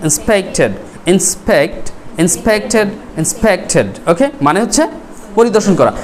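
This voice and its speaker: A teacher from Bangladesh, giving a classroom vocabulary lesson, spelling words out letter by letter and quizzing students. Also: mid-range voice.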